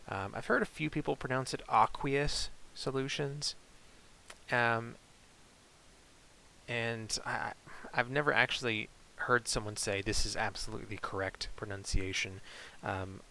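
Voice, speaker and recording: A man teaching chemistry in a recorded online lecture, explaining in a relaxed way with frequent fillers. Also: lowish voice, vocal fry, slight background noise, rough recording.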